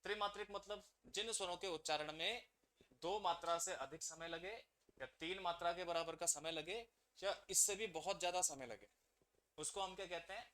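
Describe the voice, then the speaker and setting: High, bright-voiced man teaching a class. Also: moderate pace. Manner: asks the class questions and answers them himself. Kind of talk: classroom lesson.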